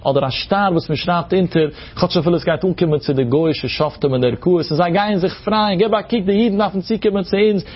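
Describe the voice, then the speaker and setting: Husky man teaching Talmud. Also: sits high, fast, few pauses, highs cut off. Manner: sing-song explanatory cadence, mixing Hebrew terms. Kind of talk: Talmud study lecture.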